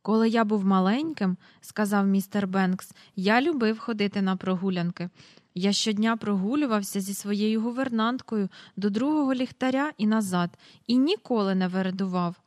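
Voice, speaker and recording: A woman's voice: mid-range voice, normal speed, a little mellow, no echo, studio quality, close to an everyday voice. A woman reading a mild, chatty middle-aged father. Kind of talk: audiobook character reading.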